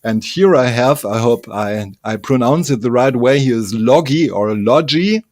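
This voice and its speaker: A man's voice: mid-range voice, normal speed, a little mellow, no echo. A man from Germany with a German accent, hosting a casual interview show in English and chatting in a friendly, slightly nervous way with frequent restarts. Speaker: host.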